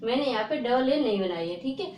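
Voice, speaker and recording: A woman's voice: a little high, animated, a little mellow. Woman teaching with rhetorical questions, echoey room. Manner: repeats words slowly and asks rhetorical questions. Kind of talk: spelling lesson to viewers. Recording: echoey room with faint noise.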